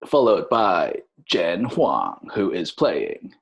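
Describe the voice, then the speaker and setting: Deep-voiced New game master. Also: male voice, slow pace, gravelly. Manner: relaxed, joking, hesitant fillers. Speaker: dungeon master. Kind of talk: hosting a tabletop game over video call. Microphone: video call.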